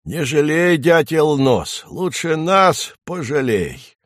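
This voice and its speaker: A man voicing a sleepy female flying squirrel in a storybook reading, speaking slowly and drowsily. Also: fairly high pitch, very animated, a bit bright, no echo, clean studio sound, voice pushed up, heavily acted. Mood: drowsy. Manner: slow and drowsy.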